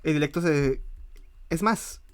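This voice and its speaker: A man's voice: a little high, a little slow, clean tone. Mexican man with a raised voice, thinking aloud. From northern Mexico. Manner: thinks aloud with frequent restarts. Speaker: podcast co-host. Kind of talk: casual chat.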